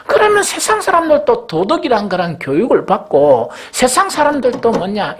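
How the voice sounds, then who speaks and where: A middle-aged man, preaching a sermon as senior pastor. He asks the congregation questions and answers them himself, pushing some phrases up loudly and letting others drop low. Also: slightly rough. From South Korea. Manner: swings between raised, emphatic phrases and low, dropped endings.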